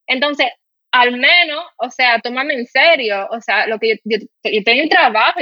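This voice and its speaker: A podcast host from the Dominican Republic, this woman speaks with a mild Dominican Spanish accent in a slightly high voice. She tells animated, indignant stories packed with fillers, and the dry recording has a lo-fi sound.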